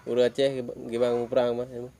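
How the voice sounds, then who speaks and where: A man's voice: mid-range voice, completely flat delivery, quick pace, dark tone. A man asking questions in casual conversation as an interviewer. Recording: faintly noisy amateur recording, outdoor ambience.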